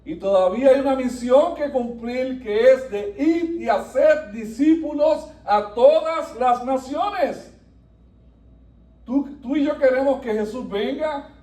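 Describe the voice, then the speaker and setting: A man with a high, mellow voice preaches a sermon, rising to emphatic peaks and dropping to quiet passages. He sounds set back from the microphone in a reverberant church. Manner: animated preaching, wide swings from soft to emphatic. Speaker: pastor. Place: church sanctuary. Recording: echoey room, voice from a distance.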